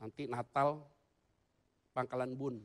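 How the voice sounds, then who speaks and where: A male pastor preaching a humorous sermon in a church, moving between loud excited bursts and quiet asides. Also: medium pitch, takes it slowly.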